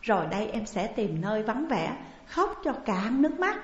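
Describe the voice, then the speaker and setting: A woman's voice: fairly high pitch, sing-song, normal speed. A woman voicing a tearful younger sworn brother who pleads with his elder in an audiobook story. The recording is dull and echoey. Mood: tearful pleading. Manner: weeping, imploring, emotional.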